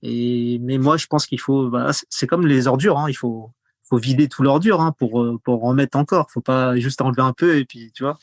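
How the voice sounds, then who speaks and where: A man's voice: medium pitch, normal speed, dry recording, clean studio sound. A man guest on a podcast, talking casually and rambling, with many fillers and repeated words. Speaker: podcast guest, content creator. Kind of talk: casual conversational interview.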